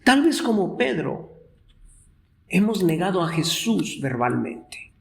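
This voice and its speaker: A man preaching a sermon as pastor, slow and deliberate, drawing out quoted lines. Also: high voice, sing-song, vocal fry. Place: church.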